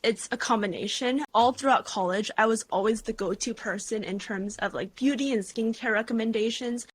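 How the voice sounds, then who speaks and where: A woman's voice: a little high, normal speed, breathy edge. A woman in her twenties, a beauty content creator, chatting casually as a podcast guest and saying "like" often. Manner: chatty, heavy use of "like". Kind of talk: casual interview chat.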